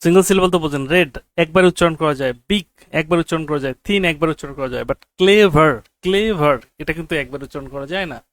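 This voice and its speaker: A man's voice: on the high side, no echo. Man repeating grammar rules to students. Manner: repeats key phrases slowly for emphasis; quizzes students with rhetorical checks. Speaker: English teacher. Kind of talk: classroom grammar lecture.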